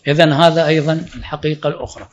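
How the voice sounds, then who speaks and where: A man's voice: fairly high pitch, fairly even intonation, racing. A man giving a religious lecture, explaining verses point by point and rising for emphasis. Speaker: preacher. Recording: dull lo-fi recording.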